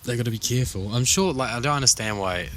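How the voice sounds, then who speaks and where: A man's voice: mid-range voice, fast talker, a bit bright, a little hiss or hum. A young man co-hosting a podcast, talking in a laid-back, casual way and swearing often. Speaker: podcast co-host. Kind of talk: casual chat.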